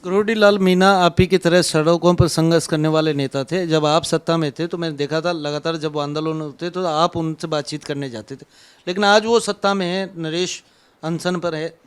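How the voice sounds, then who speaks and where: A man's voice: on the high side, steady tone, moderate pace, clean tone. A man working as a reporter, asking politely persistent interview questions.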